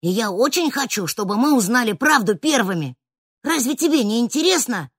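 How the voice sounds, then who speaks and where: A woman voicing a cheeky, boastful, carefree teenage boy who talks loud and teasing. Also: fairly high pitch, big pitch swings, brisk, breathy edge, dry recording, clean studio sound, pitched above the performer's own voice, heavily acted.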